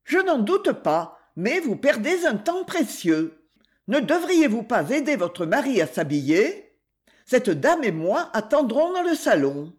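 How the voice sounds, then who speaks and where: A woman's voice: a little high, very animated, a little slow, pitched above the performer's own voice. A woman voicing a composed, courteous lady who questions a suspect lightly and politely. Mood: calm. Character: calm genteel lady investigator, amiable.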